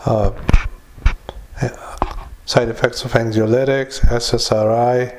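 Guy doctor talking into a dictaphone, super flat monotone, lots of uh pauses, says period out loud, bit of faint hiss. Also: medium pitch, poor audio. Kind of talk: medical dictation.

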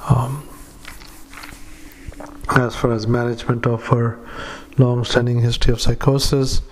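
A man, a doctor, dictating a clinical note into a dictaphone, halting often with fillers and spelling out words. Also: medium pitch, flat delivery, slight background noise, low-quality recording. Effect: dictaphone recording. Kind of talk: medical dictation.

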